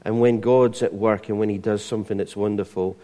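A middle-aged Scottish pastor delivers a sermon in a low, warm voice. His speech is conversational and loose, full of restarts and repeated words. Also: fairly even intonation, brisk.

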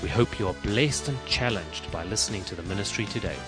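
Low-voiced man announcing over guitar. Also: lively intonation. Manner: slow, measured delivery. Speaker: podcast announcer. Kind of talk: scripted podcast intro.

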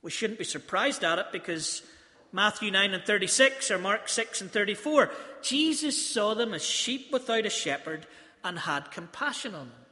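High, bright-voiced man preaching in echoing hall. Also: animated, normal speed. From South Africa. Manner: earnest, storytelling, emphatic phrasing. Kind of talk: sermon. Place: church.

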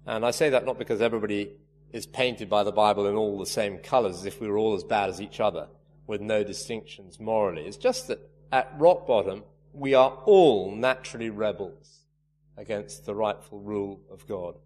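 A man's voice: lowish voice, brisk, a little mellow. A man preaching a sermon, earnest and emphatic, leaning hard on key words. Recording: reverberant hall, faint hum.

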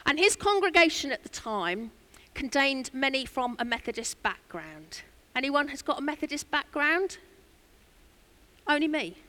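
A woman pastor preaching a sermon in a church, telling a story with lively asides and questions to the congregation. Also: high voice, moderate pace.

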